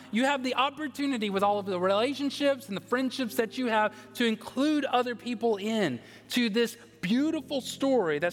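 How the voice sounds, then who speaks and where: Pastor guy preaching, kinda high voice, big echoey hall, soft music under it. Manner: earnest, prayerful, builds to encouragement. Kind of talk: sermon with prayer. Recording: long hall reverb, faint music.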